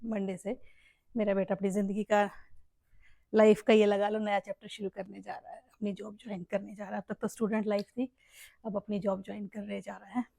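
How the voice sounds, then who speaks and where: A woman's voice: mid-range voice, flat delivery, fairly quick, gravelly, dark tone, no echo. A middle-aged woman with a Haryanvi accent, a mother and family vlogger, chatting casually and emotionally with rambling asides. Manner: emotional, rambling, often addresses listeners as "bhai". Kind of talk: casual heartfelt vlog chat.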